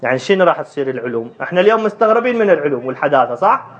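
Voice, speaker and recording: A man with an Iraqi Arabic accent preaching a sermon, rising loud and high on key points and acting out dialogue. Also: very animated, racing, highs cut off.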